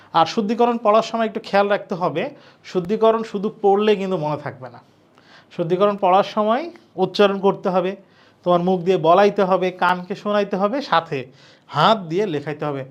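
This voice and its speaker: A man's voice: high-pitched, muffled recording. A man teaching an admission-test lecture, explaining answers step by step, spelling words out letter by letter and talking straight to his students. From Bangladesh. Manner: addresses students directly, informal colloquial turns. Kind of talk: lecture solving exam questions.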